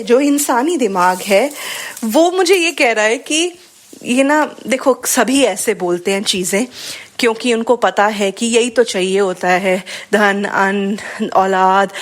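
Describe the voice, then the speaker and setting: A woman's voice: on the high side, expressive, measured pace. Earnest woman telling a devotional story. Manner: earnest storytelling, mixing in English phrases. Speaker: devotee sharing an experience. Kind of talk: personal testimony at a satsang.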